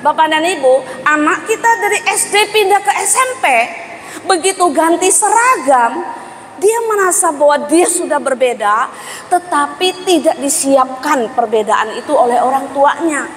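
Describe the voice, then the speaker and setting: A woman giving a lively parenting seminar, quizzing the audience and acting out parents and children. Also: high-pitched, moderate pace, a little hiss or hum. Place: school hall seminar. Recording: reverberant hall with faint ambience.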